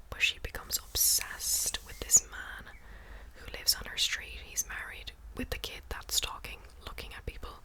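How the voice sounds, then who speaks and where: A woman whispering ASMR close to the mic in a casual book chat, breathy and unvoiced, softly repeating words and phrases. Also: low-quality recording. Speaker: book review vlogger.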